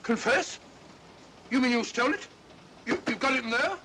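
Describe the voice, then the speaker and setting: An older man with a British accent, acting a bumbling, earnest retired doctor turned sleuth in a vintage mystery film, blustery and stammering. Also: normal speed. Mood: earnest, fussy. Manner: hesitant, stammering, self-important. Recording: vintage film soundtrack, steady train rumble.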